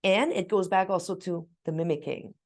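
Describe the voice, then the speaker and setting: A middle-aged woman co-hosts a casual conversation as a parent sharing parenting tips, telling stories in an animated, emphatic way and acting out quoted exchanges. She's talkative and calls herself a loud speaker. Her voice is lowish, at normal speed.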